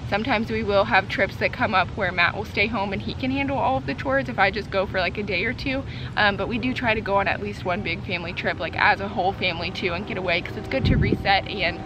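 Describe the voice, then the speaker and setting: Out in a backyard, a young woman who vlogs about her homesteading family chats casually to camera, peppering her talk with "like" and "you know." Her voice is mid-range and quick, with background noise present.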